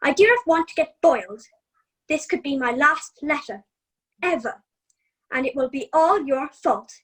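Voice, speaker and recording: A woman voicing a nervous, complaining young male wolf, reading a storybook letter home in a fretful, expressive way. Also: high-pitched, unhurried. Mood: pleading.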